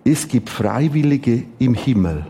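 A man with a Swiss German accent preaches a sermon at a church service, emphatic and expressive, with dramatic pitch swings and words repeated for stress. His delivery is unhurried, his tone warm with a breathy edge.

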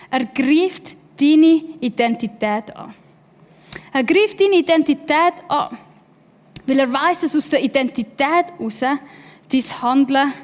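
High-voiced woman preaching, hall reverb. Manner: emphatic repetition and rhetorical questions. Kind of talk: sermon.

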